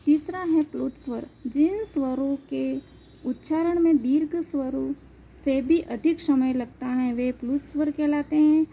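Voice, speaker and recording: A woman school teacher, giving a slow grammar lesson and spelling out letters one by one. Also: sits high, gravelly, dark tone, a little hiss or hum. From India.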